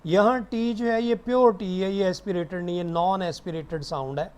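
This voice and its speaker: High-voiced male phonetics lecturer. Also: fairly even intonation, normal speed, darkish tone, clean tone. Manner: switches between English and Hindi-Urdu, drilling pronunciations; many "uh" hesitations when starting. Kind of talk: online lecture.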